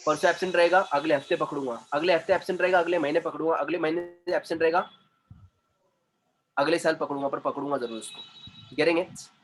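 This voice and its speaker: A man's voice: a little high, fairly even intonation, fast talker, soft background music, rough recording. A man with an Indian English accent, teaching an online English class. He switches between Hindi and English and drills his students on syllables in a playfully stern way. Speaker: English communication trainer. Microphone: video call.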